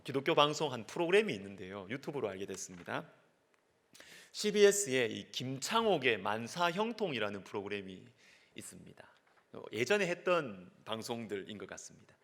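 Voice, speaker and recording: A male pastor preaching a sermon, asking the congregation questions and swinging from hushed whispers to raised, emphatic peaks. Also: medium pitch. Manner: asks the congregation direct questions.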